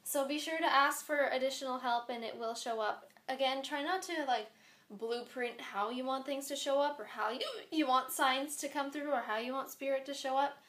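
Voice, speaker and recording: A woman's voice: high voice, moderate pace. A woman giving a chatty spiritual angel card reading, recorded on a phone, with frequent laughs. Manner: chatty, laughing often, warm spiritual encouragement. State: hiccuping.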